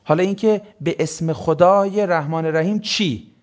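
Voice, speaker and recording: High-voiced man giving a lively lecture. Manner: asks the class questions and answers them himself. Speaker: religious studies teacher. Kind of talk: classroom lecture on Quranic words.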